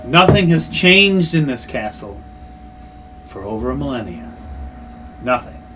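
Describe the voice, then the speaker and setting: A man puts on a dragon voice for a tabletop role-play game. The dragon is an old, courtly noble with a sly streak. He speaks slowly and theatrically at a middle pitch, over faint music. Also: sing-song, poor audio. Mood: proud, savoring. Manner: dragon voice, slow and theatrical, drawn-out phrasing.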